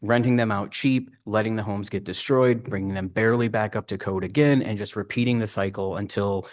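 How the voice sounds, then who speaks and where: A man with a low voice answers interview questions at a city meeting in a meeting room. He speaks earnestly and at length into a table microphone, with many "um"s and "uh"s along the way. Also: fairly even intonation, a little fast. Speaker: job candidate for city administrator.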